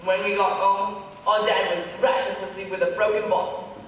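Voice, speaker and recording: A man's voice: high voice, flat delivery, normal speed, lightly acted. A man playing a scoffing old braggart in a hall. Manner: scoffing, mock-grim bragging. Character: boastful old man scoffing at others' comforts. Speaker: amateur stage actor. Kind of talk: stage comedy sketch. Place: hall stage. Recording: echoey hall from far off, with noise.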